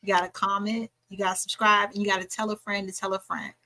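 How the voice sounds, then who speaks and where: An animated woman co-hosts a hip-hop podcast, talking in an emphatic, casual way and circling back over her words. Her mid-pitched voice sounds dry and close, with no room echo. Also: fast. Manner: animated, emphatic, repeats herself. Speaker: podcast co-host. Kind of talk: casual chat.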